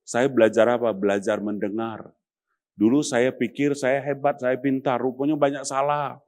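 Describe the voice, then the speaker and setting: A man's voice: medium pitch, flat delivery, moderate pace, darkish tone. A man preaching as pastor in a chatty, humorous way, sometimes acting out the people he quotes. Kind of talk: sermon.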